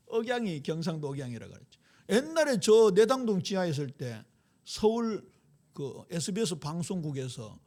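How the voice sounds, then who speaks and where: High-voiced korean pastor, gyeongsang accent, swings pitch a lot, joking sermon. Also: male voice, slow, pauses often. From Daegu, South Korea. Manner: lively preaching, jokes with the congregation.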